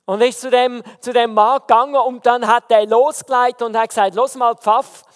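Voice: medium pitch, fairly even intonation, normal speed, clean tone, big-room sound. A preacher with a Swiss German accent gives an evening sermon, telling stories and asking rhetorical questions with emphasis.

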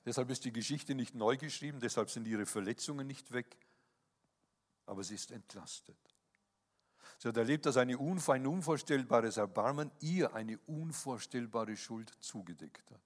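A man's voice: medium pitch, moderate pace. Picture a man in the middle of a sermon, speaking earnestly and turning to his listeners with a questioning "ja?" as he goes. His voice sits in an ordinary middle register. Long reverb trails after his phrases, as in a large church hall. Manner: earnest, often adds a questioning "ja?" to address listeners. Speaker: preacher.

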